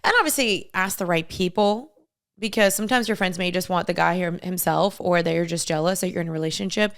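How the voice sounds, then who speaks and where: Clear-voiced American woman giving confident, blunt advice. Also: on the low side, brisk. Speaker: co-host giving dating advice. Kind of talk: casual advice chat.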